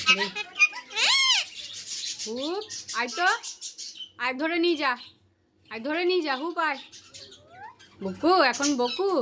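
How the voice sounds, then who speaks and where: Lady chatting to her parrots in sweet baby talk, pretend-scolds them, loud noisy recording with birds squawking. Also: high-pitched. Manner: closes with a quick word to viewers. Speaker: pet bird vlogger. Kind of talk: talking to pet parrots. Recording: loud background noise with bird squawks.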